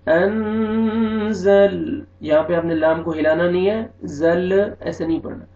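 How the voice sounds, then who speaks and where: A man teaching tajweed, slowly drawing out recited words and then explaining the pronunciation rules more plainly. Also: a little high, level tone, a little mellow. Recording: echoey, distant, dull recording.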